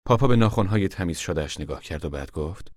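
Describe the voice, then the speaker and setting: A man reading a novel aloud as narrator, in a steady, measured delivery. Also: sits low, dry recording, studio quality. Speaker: audiobook narrator. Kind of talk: scripted narration.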